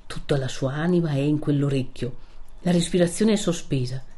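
A woman narrating a novel aloud in a measured, steady storytelling manner. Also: deep voice, breathy edge.

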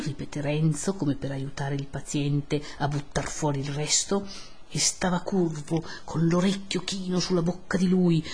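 A woman narrating a classic novel in a measured, expressive audiobook reading. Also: on the low side, husky.

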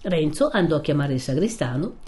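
A woman reading a classic novel aloud in a measured, expressive storytelling manner. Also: low-pitched. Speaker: narrator.

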